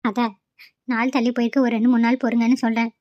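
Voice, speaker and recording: A woman's voice: fairly high pitch, little pitch movement, fast talker, no echo, lightly acted. A woman voicing a tearful, pleading young pregnant daughter-in-law in a cartoon, on a dull lo-fi recording.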